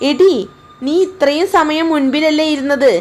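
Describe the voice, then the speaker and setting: Hot-tempered young woman in a read-aloud story, high and sharp, played by the narrator. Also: steady tone, unhurried, faint music behind. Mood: irritated.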